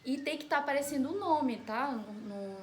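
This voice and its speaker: A woman's voice: high voice, animated, normal speed, a little hiss or hum. A woman with a Brazilian accent teaching an online class, explaining step by step and often checking in with her students. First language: Portuguese. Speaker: Spanish teacher.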